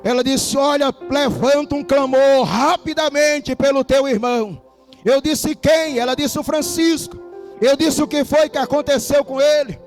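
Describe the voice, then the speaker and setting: High-voiced shouting Brazilian preacher. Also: male voice, fairly even intonation, a little slow, faint music behind. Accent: Brazilian Portuguese. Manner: dramatic storytelling, bursts into shouting. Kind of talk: Pentecostal sermon.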